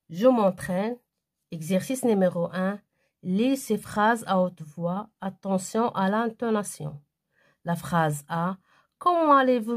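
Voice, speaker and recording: Woman, primary grammar lesson, very slow reading, lowish voice, deliberate. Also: a little mellow. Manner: slow and deliberate, reading aloud then answering each exercise. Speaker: primary school teacher.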